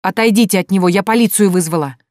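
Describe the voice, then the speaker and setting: A reader voicing a frightened young woman who speaks quietly but firmly, pleading at times, in an audiobook. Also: medium pitch, brisk, no echo, clean studio sound, lightly acted. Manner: tense, quiet yet firm, pleading. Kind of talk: audiobook character voice.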